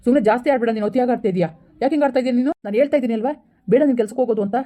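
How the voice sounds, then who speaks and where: A woman's voice: a little high, racing, mellow, close to an everyday voice. Woman playing a doting young husband. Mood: insistent. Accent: rural Karnataka Kannada. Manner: pleading then insistent, calls her baby.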